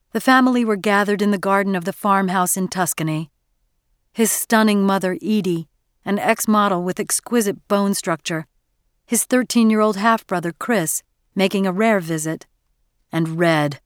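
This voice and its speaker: A woman narrating an audiobook in a measured, even storytelling manner, close to the mic. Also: mid-range voice, clean tone, no echo. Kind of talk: scripted narration.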